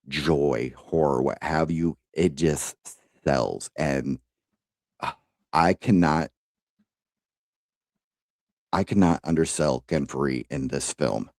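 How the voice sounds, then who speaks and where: A man's voice: very deep voice, a little mellow, no echo, clean studio sound. A man co-hosting a podcast in casual chat, enthusiastic, laughing and swearing freely. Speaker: podcast co-host.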